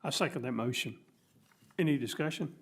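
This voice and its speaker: A man's voice: medium pitch, a little fast, slight background noise. An American man speaking as the chair of a town council meeting, in an informal procedural style.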